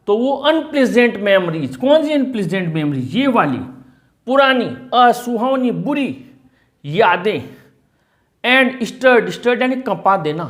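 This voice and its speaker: A man teaching a class, speaking with an Indian accent. He reads English lines slowly, then explains each word patiently and often repeats it. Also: high voice. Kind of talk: line-by-line textbook explanation.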